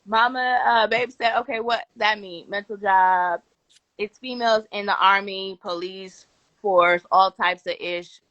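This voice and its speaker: Bright-voiced woman reading viewer comments. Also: medium pitch, steady tone, no echo, muffled recording. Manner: reads comments aloud with quick laughs and asides. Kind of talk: casual live-stream chat.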